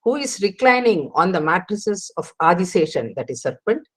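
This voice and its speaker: A woman, explaining devotional texts in a class, pausing and restarting as she goes. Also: on the low side, very animated, fairly bright tone, slightly rough. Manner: explanatory, with frequent pauses and restarts. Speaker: religious teacher.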